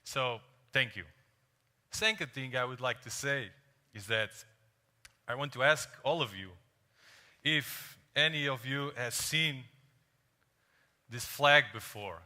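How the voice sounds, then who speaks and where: A young keynote speaker from Portugal's Azores talks with a bright, mid-range voice on a big dark stage, the hall reverb audible. He is animated and full of stories, and keeps asking the audience questions during his energetic conference talk.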